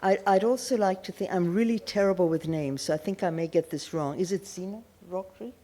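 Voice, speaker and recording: A woman's voice: fairly low pitch, fairly quick, slight background noise. Older woman giving a personal stage talk. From Pakistan. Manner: warm, personal storytelling with occasional restarts. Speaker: festival panel speaker. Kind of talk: illustrated talk to an audience. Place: large auditorium stage.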